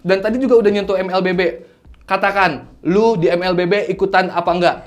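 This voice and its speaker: A young man, hosting a casual interview and asking questions in relaxed slang. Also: sits high, quick pace. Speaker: host, voice actor.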